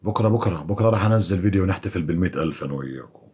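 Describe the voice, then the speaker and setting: A man hosts a casual live stream. His voice sits low and sounds husky and a little breathy. He teases and banters with his viewers in an easy, offhand way. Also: lively intonation, racing, darkish tone. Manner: teasing, bantering. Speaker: livestream host.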